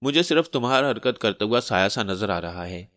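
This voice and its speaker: A man voicing a skinny, panicky male trickster who shouts in flustered bursts. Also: fairly low pitch, animated, brisk, no room sound, studio quality.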